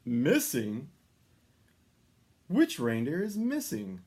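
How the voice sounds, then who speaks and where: A man voicing a jolly old Santa Claus with a booming, hearty delivery for a children's storybook. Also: wildly swooping pitch, drawn-out words, warm tone, heavily acted. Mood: hearty, blustering. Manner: hearty, exclamatory. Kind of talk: children's storybook read-aloud.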